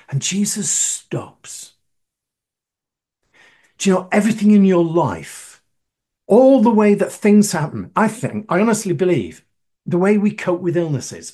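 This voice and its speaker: A man's voice: high voice, a little mellow, slightly rough. A man, preaching a sermon and putting questions to his listeners with emphasis. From northern England.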